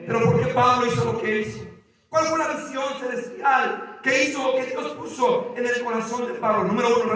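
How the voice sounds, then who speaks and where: A man preaching a sermon as a missionary at a church service, telling a story with passion and rising into shouted exhortation. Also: sits high. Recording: very echoey church hall, mic far off.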